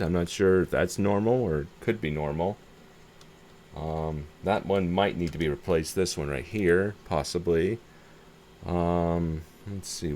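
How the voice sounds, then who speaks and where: This is a man with a low, warm voice, casually demonstrating a radio repair for his hobbyist video. He works without a script, talking to himself and reasoning aloud. Recorded on a camera mic, the audio is clear, with background noise and ambience present.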